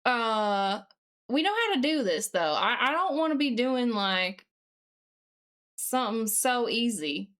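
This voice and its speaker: On a live stream, a woman with a distinctly high, slightly bright voice chats casually while working at her computer. She puts on a Southern US accent and speaks in a folksy, mildly sweary way. Her delivery is very animated yet unhurried.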